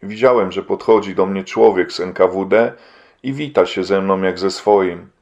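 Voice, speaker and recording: A faithful preacher husband in a storybook, speaking in a low, steady voice, voiced by a man reading the book. He sounds solemn and resigned. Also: normal speed, dull audio. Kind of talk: audiobook character reading.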